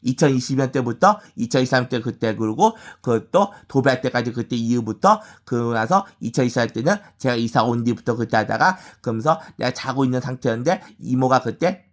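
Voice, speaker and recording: A man's voice: mid-range voice, animated. Man rambling with constant repetition. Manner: rambling, repeats words and phrases over and over; halting, with frequent restarts. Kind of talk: personal monologue about family grievances.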